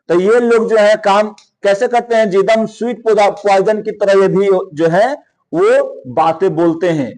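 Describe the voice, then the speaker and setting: A man's voice: sits high, a little mellow. A young man, explaining a story to students in a conversational way, often repeating and rephrasing. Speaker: teacher.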